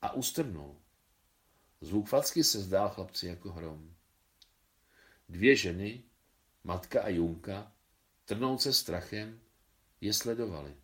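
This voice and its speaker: A man reading a short story aloud in a steady storytelling manner, now and then correcting a slip. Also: on the low side, long pauses. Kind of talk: scripted story narration.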